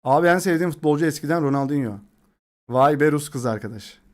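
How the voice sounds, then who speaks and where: A man's voice: fairly high pitch, quick pace. Joking young male streamer chatting live. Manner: joking, laughs often, chats with viewers. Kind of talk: casual live-stream chat.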